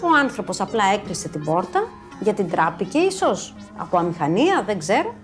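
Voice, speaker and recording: A woman in her fifties, a former social worker, telling a personal story to an audience in a lively, animated way. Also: medium pitch, soft background music. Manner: lively, animated, acts out quoted voices.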